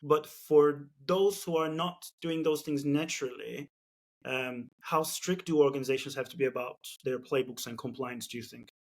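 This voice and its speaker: Speaking at normal speed in a mid-range voice, a podcast host from Turkey talks through a casual business show in Turkish-accented English. He thinks out loud, full of fillers and false starts.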